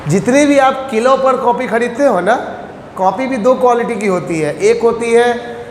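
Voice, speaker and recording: A man's voice: very high voice, moderate pace. A male teacher giving a classroom lecture, switching between Hindi and English, repeating phrases and checking often whether students understand. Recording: echoey classroom with faint background noise.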